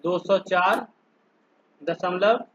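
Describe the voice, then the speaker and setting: A polytechnic lecturer with a high, fairly bright voice teaches an online engineering class, moving slowly through each step and keeping students engaged with frequent questions. The low-quality recording has slight background noise.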